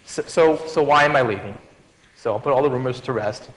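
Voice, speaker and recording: A man's voice: medium pitch, fairly quick, fairly bright tone. Chatty male lecturer in a reverberant hall. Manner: conversational, joking, many fillers and restarts. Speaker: medical school lecturer. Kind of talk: farewell lecture to students.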